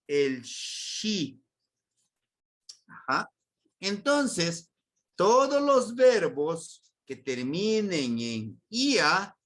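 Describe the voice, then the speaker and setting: High, lively, slow-speaking Mexican male teacher. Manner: patient, repeats words and quizzes the class. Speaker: language teacher. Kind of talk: classroom grammar lesson.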